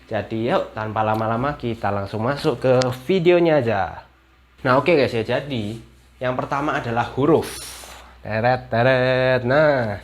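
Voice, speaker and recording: A young man giving a casual video lesson, chatty and friendly in tone, repeating each letter slowly to drill it. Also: mid-range voice. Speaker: language teacher.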